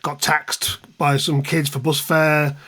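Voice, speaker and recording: This interview guest is a music journalist and author in his fifties, from the East Midlands of England with an English accent. His voice is a little high and sharp, delivered flatly and slowly. He reminisces casually, anecdotal and self-deprecating.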